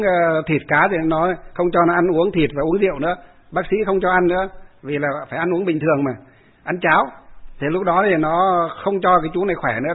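Man, Buddhist monk, somewhat high voice, rambling storytelling with fillers, thin phone-like radio sound. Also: slightly rough. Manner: rambling, with many filler sounds and repeated phrases.

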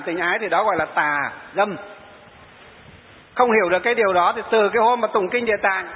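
A man, a Buddhist monk giving a storytelling sermon and quoting his followers. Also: sits high. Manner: storytelling, quoting followers and answering rhetorical questions. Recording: tinny phone-like sound in a reverberant hall.

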